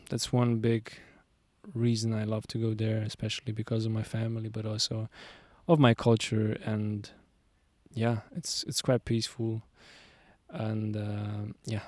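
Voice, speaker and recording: A man in his twenties from Zurich, hosting a podcast episode outdoors in a relaxed, rambling way with many fillers and restarts. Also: fairly low pitch, no room sound. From Zurich, Switzerland. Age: 20s. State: sweaty in the heat. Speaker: podcast host. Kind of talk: casual solo monologue. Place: outdoors on a sunny hill.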